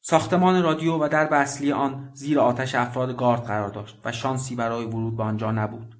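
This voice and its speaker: A man reading a literary story as a radio narrator, measured and deliberate. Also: mid-range voice. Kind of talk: scripted narration.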